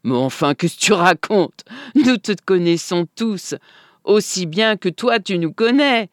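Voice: mid-range voice, animated, a little slow, no room sound, studio quality, pitched above the performer's own voice, lightly acted. A storyteller voicing an exasperated village neighbor pleading with a confused man, in a read-aloud folk tale.

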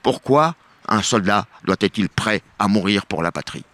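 A man's voice: fairly low pitch, lively intonation, a little slow, fairly bright tone, no room sound. A man voicing a stern middle-aged army general questioning his soldiers in a told joke. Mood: commanding.

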